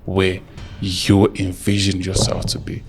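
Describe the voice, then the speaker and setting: Over soft background music, a man in his early thirties lectures emphatically and speaks directly to the listener in his solo motivational podcast. His voice sits low, with completely flat delivery at a measured pace.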